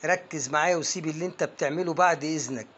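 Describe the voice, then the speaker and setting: An Egyptian man with a voice pitched a little high teaches an online pronunciation lesson. He coaxes his viewers along with emphatic urging and sounds out each word slowly, one syllable at a time. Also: a bit bright, breathy edge. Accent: Egyptian Arabic. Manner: emphatic, coaxing, drills words slowly syllable by syllable.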